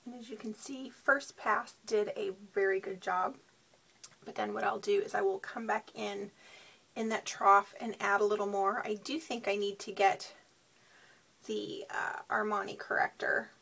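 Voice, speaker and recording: Tired, husky woman with creaky voice. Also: mid-range voice, fairly even intonation, unhurried, fairly bright tone. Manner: tired, sleep-deprived delivery. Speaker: beauty reviewer. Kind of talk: casual product demo chat.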